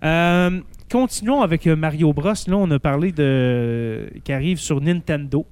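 A man's voice: a little high, unhurried, a little mellow, clear, resonant tone, no room sound. A man with a Québécois accent hosting a casual chat, rambling with many false starts and fillers. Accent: Québécois French.

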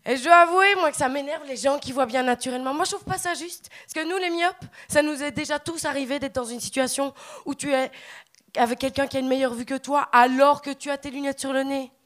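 A woman from Belgium with a Belgian French accent, performing a stand-up set on stage with deadpan, punchy asides. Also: sits high, brisk. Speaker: stand-up comedian.

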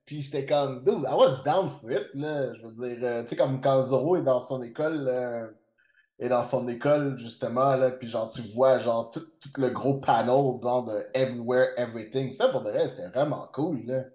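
A man's voice: mid-range voice, normal speed, a little mellow, reverberant, lo-fi sound. A man co-hosting a podcast in casual chat, mixing English into his with lots of fillers. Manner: chatty, mixes English into French, many fillers. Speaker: podcast co-host.

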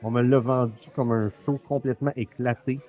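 Teasing Québécois podcast host. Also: male voice, medium pitch, steady tone, a little fast, dull audio. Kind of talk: casual podcast chat.

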